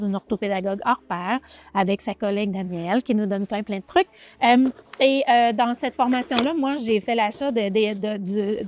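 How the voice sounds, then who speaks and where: A woman remedial teacher with a Quebec French accent, explaining a reading exercise to viewers and sounding out syllables, checking in often. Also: on the high side. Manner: animated, addresses viewer directly with many check-ins; sounds out letters and syllables slowly. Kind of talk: teaching demonstration video.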